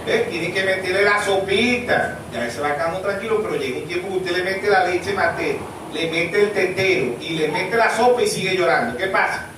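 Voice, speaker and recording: A man preaching a sermon as pastor, animated and full of rhetorical questions. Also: high voice, brisk, hardly any pauses, noisy background. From Venezuela. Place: church sanctuary. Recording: echoey church room, mic far off.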